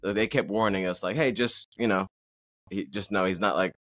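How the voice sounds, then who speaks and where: A man's voice: low-pitched, moderate pace, fairly bright tone, dry recording, studio quality. A man hosting a running podcast in casual chat, rambling with lots of fillers and restarts. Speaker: podcast host.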